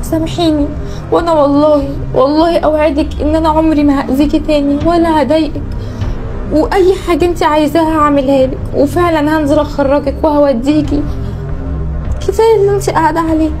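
A woman playing a sharp-tongued Egyptian wife. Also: high voice, close to an everyday voice. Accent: Egyptian Arabic. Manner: sharp and curt, then pleading. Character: jealous scheming young wife turning remorseful. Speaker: wife in a family drama. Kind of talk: Egyptian web drama acting.

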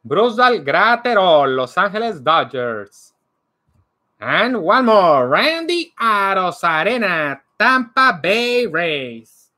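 A man hosting a card break, announcing each card by player and team in a slow, animated way. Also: sits high. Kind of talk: calling out cards during a live card break. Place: indoor room lined with card displays.

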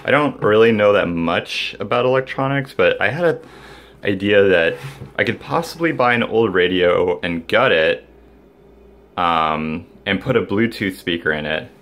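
Hosting a hobby project vlog from a small room in his home, a DIY video maker talks informally and enthusiastically to viewers. His voice is fairly low-pitched and fairly bright, animated but at a measured pace.

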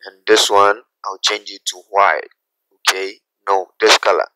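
A man teaching a graphic design software tutorial, talking through each step slowly and checking in with "okay?" as he goes. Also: fairly low pitch, little pitch movement, noisy background. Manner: unhurried, repeats steps, asks "okay?" often. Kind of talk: screen-recorded software tutorial.

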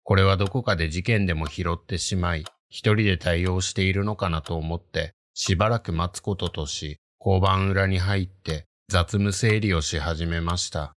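A man narrates a scripted horror tale in a low voice. His delivery is hushed and creepy, recorded close and dry, as a ghost story reader. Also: steady tone, normal speed, few pauses, no echo.

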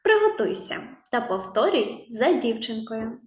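A slow, patient woman teacher with a Ukrainian accent, drawing out single sounds and praising small children. Her voice sits a little high. It rings in an echoey room. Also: very animated. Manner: drawn-out sounds, gentle questions and praise. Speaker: preschool teacher.

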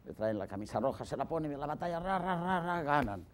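A man with a somewhat high voice tells a joke on stage in a lively way. He shouts out the lookout's lines and drops his voice for the asides. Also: quick pace. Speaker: stand-up comedian.

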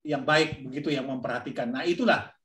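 A man hosting a church talk show, sharing a personal testimony in a rambling way, pausing on fillers. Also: medium pitch, bright, forceful tone, roomy sound. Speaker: ministry host.

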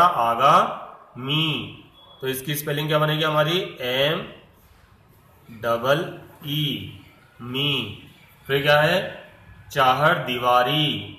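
A man's voice: fairly high pitch, bright, forceful tone, roomy sound, poor audio. A man teaching pronunciation, asking rhetorical questions and answering them while stretching words out. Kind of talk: slow, deliberate Hindi pronunciation lesson.

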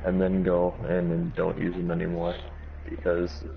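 A man trolling his friends in a gaming voice chat, talking in a flat monotone. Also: low-pitched, normal speed, creaky. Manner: monotone, trolling mock-solemn lines. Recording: dull lo-fi voice chat with faint noise.

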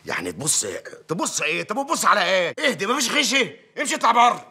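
An actor playing a bossy middle-aged village mayor who gives orders and mocks people in an Egyptian accent, with a husky voice. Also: male voice, high-pitched, wildly swooping pitch, fast, sharp tone, heavily acted. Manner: commanding, blustering, mocking.

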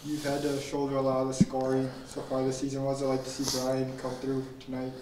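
A man asking postgame questions as an interviewer, in a quick, monotone way. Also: mid-range voice, distant mic. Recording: roomy, off-mic with faint room noise.

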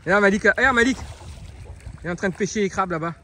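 High-voiced French man coaxing a child. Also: fast talker, bright, forceful tone, a little hiss or hum. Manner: repetitive coaxing calls to a child, often laughing. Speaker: father filming his daughter. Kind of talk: family vlog narration. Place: sandy beach by the sea, outdoors.

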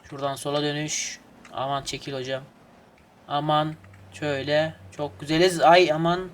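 A man casually commenting on his game as he plays, excitable and swearing at the traffic. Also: on the high side, normal speed, clean tone. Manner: excitable, swears and grumbles at traffic, hums snatches of folk song. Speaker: gaming channel host. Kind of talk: casual let's play commentary.

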